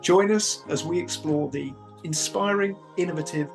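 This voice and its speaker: A man with a fairly high-pitched voice hosts a podcast. He presents the show and leads the interview, with some music in the recording. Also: normal speed, gravelly. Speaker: podcast host, university careers consultant. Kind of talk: podcast hosting, scripted intro and interview.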